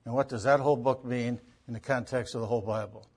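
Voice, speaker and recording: In this teaching lecture on biblical interpretation, a Bible teacher speaks emphatically, leaning on repetition and rhetorical questions. His mid-range voice is steady and fast, a little mellow and husky.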